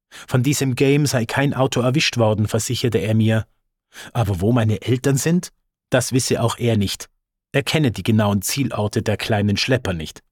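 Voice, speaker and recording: Brief: man from Iran narrating a memoir audiobook, mid-pitched, dry booth sound, wry asides to the listener. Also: no room sound. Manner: talks straight to the listener, wry quiz-show asides.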